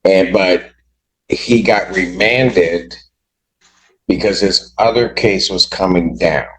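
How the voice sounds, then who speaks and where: A low-voiced man presides as a judge, heard in a courtroom recording. He talks slowly, halting and restarting his sentences with mounting exasperation. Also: a bit bright, breathy edge, rough recording. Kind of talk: court hearing from the bench.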